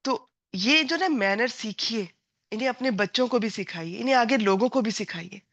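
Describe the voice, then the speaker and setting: A woman's voice: a little high, fairly bright tone, dull audio. A woman giving an Islamic lecture to women, earnest and advising, now and then acting out scolding voices. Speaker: religious lecturer.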